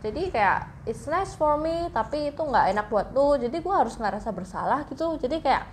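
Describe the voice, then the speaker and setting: Woman, somewhat high pitch, casual explanatory chat, informal, English phrases mixed in, background noise. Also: animated, fast talker. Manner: informal, mixes English phrases into her talk. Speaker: host explaining psychology with personal stories.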